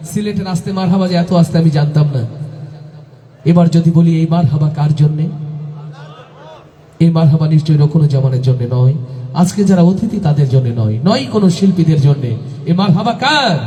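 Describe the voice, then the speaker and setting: A man's voice: a little high, brisk, pauses often, warm tone. A man hosting a live religious cultural event, leading the audience in call-and-response and rousing them to answer aloud. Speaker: Islamic event host and singer. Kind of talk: live stage emcee hyping the crowd. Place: large outdoor evening event. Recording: echoey live PA sound in a big venue.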